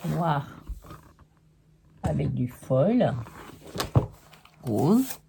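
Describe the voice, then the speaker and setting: Drawing out her words in a deep, creaky, sing-song voice, a scrapbooking vlogger holds a relaxed show-and-tell of her paper pads, chatting and judging each sheet frankly. Background noise is present.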